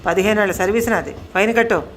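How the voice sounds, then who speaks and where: A woman's voice: medium pitch, fast talker, slight background noise, lightly acted. A woman voicing a brusque male ticket collector who speaks curtly and officiously in a storybook tale. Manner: curt, officious.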